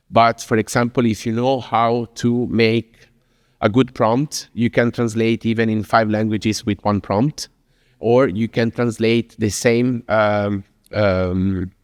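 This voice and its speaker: A man with an Italian accent and a voice on the low side gives a chatty, informal business talk in English at a venue in Lisbon, full of fillers and restarts. The recording is dry with clean studio sound, set in a large hall.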